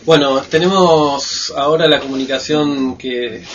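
A man's voice: a little high, fairly even intonation, a little slow, muffled recording, background noise. A man hosting a radio talk show, speaking informally and restarting words. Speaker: radio host.

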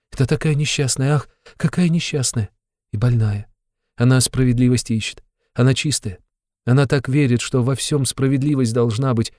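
A man's voice: medium pitch, darkish tone, no echo, studio quality, voice pushed up, lightly acted. A man voicing a frightened, timid young woman who speaks in a plaintive, trembling way.

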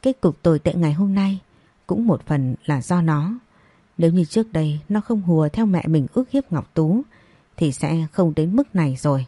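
A woman reading a scripted audio story as narrator, in a steady storytelling manner. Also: sits low, normal speed, slightly rough, no echo.

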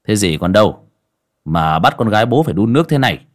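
A man voicing a harsh, stern father who speaks in a clipped, gruff way in a spoken folk horror story. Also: fairly low pitch, big pitch swings, quick pace.

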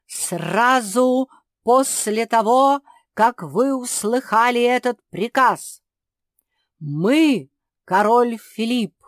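A woman doing a booming royal herald. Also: no room sound, clean studio sound. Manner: loud, drawn-out declaiming.

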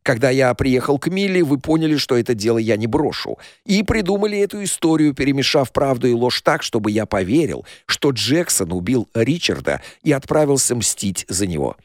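A man narrating a crime audiobook in the first person, in an expressive, dramatic manner, on a close studio mic. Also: mid-range voice, fairly quick, hardly any pauses, no room sound.

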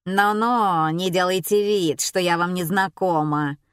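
A woman voicing a loud, crude, self-important middle-aged woman diner who talks down to everyone. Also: on the low side, steady tone, unhurried, clean tone, dry recording, clean studio sound. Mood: haughty. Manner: brash, crude, haughty.

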